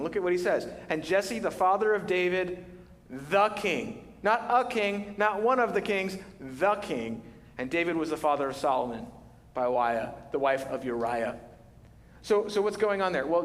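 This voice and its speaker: A man preaching a sermon as pastor, telling the story with lively, conversational energy and acting out the quotes. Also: a little high. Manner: animated storytelling, acts out quotes. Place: large church hall. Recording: reverberant church hall.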